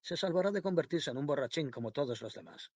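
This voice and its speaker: A man's voice: fairly high pitch, lively intonation, quick pace, a little mellow. A man voicing a harsh, insulting invalid mother in an audiobook.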